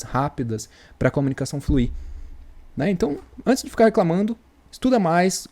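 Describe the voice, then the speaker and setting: A man's voice: on the high side, mellow. A man with a Brazilian Portuguese accent, teaching an English grammar lesson in a chatty way and asking rhetorical questions. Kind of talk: casual video lesson.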